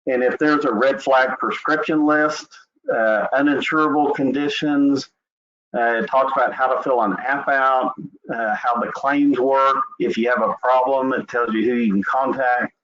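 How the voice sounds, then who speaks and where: Here an insurance company representative with an Oklahoma accent gives a relaxed screen-share webinar demo, sprinkling in "uh" and "anyway." His voice sits in the mid range at a normal speed, coming through a video call with dull, lo-fi sound.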